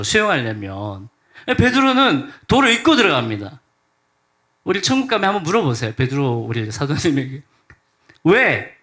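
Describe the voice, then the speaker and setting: A man's voice: a little high, fairly bright tone. A man with a Gyeongsang accent preaching a sermon as pastor, telling stories with humor and acting out the lines of the people in them. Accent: Gyeongsang Korean. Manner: humorous storytelling, acts out quotes. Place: church sanctuary during a service.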